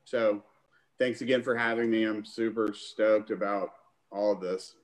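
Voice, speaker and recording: Slow-talking man in a roomy space. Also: on the low side, fairly even intonation. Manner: hesitant, many fillers. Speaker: podcast guest. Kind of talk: casual podcast chat.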